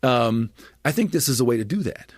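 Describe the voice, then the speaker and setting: Speaking brisk and husky in a mid-range voice with lively intonation, a podcast guest who studies scripture builds his case eagerly. He lectures with frequent asides and keeps asking "right?" along the way. It's studio quality, with no room sound.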